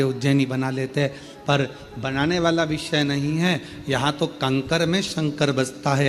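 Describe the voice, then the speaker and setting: Man, Indian preacher, devotional sermon, rhythmic repetition, sudden high drawn-out peaks, faint background music. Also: a bit bright. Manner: sings out key words in long drawn peaks, repeats phrases for rhythm; reads a devotee's letter aloud between remarks. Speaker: preacher telling a Shiva Purana katha. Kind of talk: devotional sermon to a live crowd.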